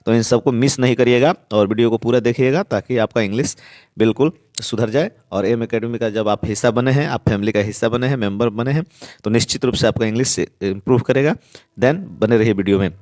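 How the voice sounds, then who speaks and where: A man teaching spoken English, saying each sentence slowly and repeating it for learners. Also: medium pitch, darkish tone, dry recording, clean studio sound.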